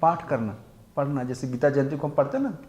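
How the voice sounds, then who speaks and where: In a temple class, a man lectures on scripture, explaining Sanskrit verses, posing rhetorical questions, and mixing English words into his Hindi, while chanting the verses slowly. His medium-pitched voice is animated and slightly mellow, with a faint hiss or hum.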